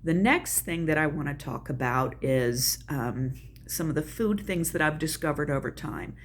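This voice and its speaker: An older woman from the American South hosts her own channel, talking casually and folksily about her life and joking at her own expense. Her deep voice has lively intonation at a moderate pace, with slight background noise.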